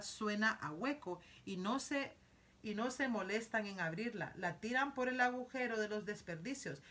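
An eccentric, cheerful candy-factory owner leads visitors along in a bright, eager voice, as a woman reading a storybook puts him on. He talks quickly and excitedly, always pointing out the next wonder. The voice stays in a middle pitch.

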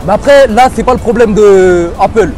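Frank man, high voice, loud crowd. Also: normal speed, over music. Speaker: artist, street interviewee. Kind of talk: street interview answers. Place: busy city avenue outdoors.

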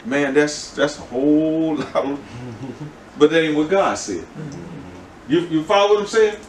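An older man preaches a sermon as pastor in a church, rambling conversationally and repeating many words. His voice is fairly high and a little slow. The mic is distant, the room is echoey, and there's a little hiss or hum.

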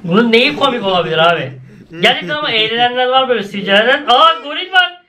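A man's voice: animated, fast talker, sharp tone. A young man casually commenting as he reacts to cartoon clips, often exclaiming and laughing. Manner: exclaiming, laughing, swings between high and low.

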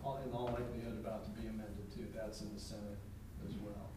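Flat-voiced man giving a legal report. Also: lowish voice. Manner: measured, explanatory, with frequent pauses. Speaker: village law director. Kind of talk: council meeting report. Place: municipal council chamber. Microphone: distant room mic. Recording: very echoey chamber, far mic, loud noise.

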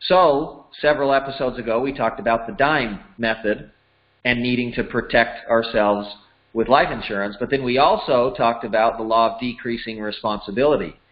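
Male finance teacher in his forties, mid-pitched, plain conversational delivery, slightly dull lo-fi recording. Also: normal speed. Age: 40s. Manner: plain, conversational, works through numbers step by step. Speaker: financial educator. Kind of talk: explanatory lesson over slides. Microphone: voice-over.

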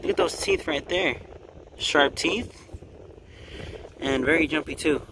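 A man's voice: fairly high pitch, slow. A young man from Texas giving upbeat, casual commentary to viewers while fishing on a rocky jetty, recorded on a body-worn action camera. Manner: upbeat, exclaims over each catch, addresses viewers as guys. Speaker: fishing vlogger. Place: outdoors on a rocky jetty by open water. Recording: wind noise outdoors. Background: wind and water.

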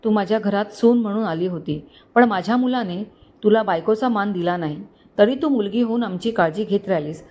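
A woman voicing an affectionate older mother-in-law in a storybook, gentle and sorrowful. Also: mid-range voice, fairly quick, natural voice. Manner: affectionate, warm-hearted. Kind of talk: storybook dialogue.

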